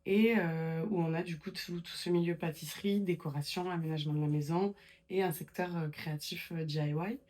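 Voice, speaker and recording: Femme bavarde à la voix un peu grave. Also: female voice, fairly low pitch, fairly even intonation, brisk, dark tone. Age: 20s. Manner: chatty storytelling, many fillers and restarts. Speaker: guest. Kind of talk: casual interview chat.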